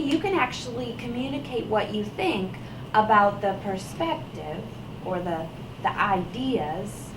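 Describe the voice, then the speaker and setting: A woman teacher reading a picture book aloud to a class and then explaining a lesson, slow and expressive. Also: sits high. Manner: reads slowly with expressive character voices. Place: classroom with children. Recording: echoey classroom, from far off. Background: noisy children.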